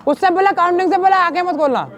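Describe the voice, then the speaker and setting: A male yoga trainer leads an outdoor class in a public park, speaking fast in a very high, somewhat bright voice. He talks directly to the participants in a coaxing, repetitive way.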